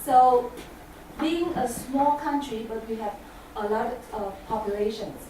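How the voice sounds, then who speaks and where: Heard from a distance in a noisy, echoey hall, this Singaporean woman, a native Chinese speaker, addresses an audience in English as a guest speaker. She speaks unhurriedly with a dark tone, a voice on the high side, fairly even intonation, and plenty of hesitant fillers.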